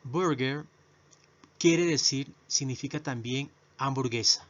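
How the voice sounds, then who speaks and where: Slow Spanish-speaking English teacher, man. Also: medium pitch. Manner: slow, repeats each English word several times. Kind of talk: video lesson. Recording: dull lo-fi recording.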